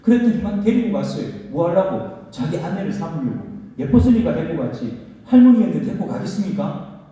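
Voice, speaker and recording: A man's voice: on the high side, very animated, fairly quick, dark tone. A male pastor preaching a sermon in a folksy storytelling manner, asking the congregation questions. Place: church sanctuary. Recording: echoey church hall from far off.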